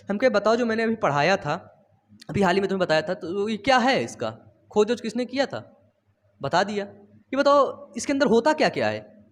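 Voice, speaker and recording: Young male biology tutor, high voice, chatty and teasing. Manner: chatty, teasing students, repeats phrases. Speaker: biology teacher. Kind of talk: casual online lesson. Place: home studio.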